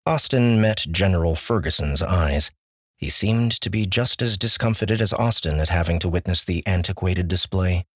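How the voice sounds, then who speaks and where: A man reading an audiobook in a measured, steady manner. His voice sits low and deep, recorded close and dry with no room sound. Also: no echo. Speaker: audiobook narrator. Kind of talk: scripted narration.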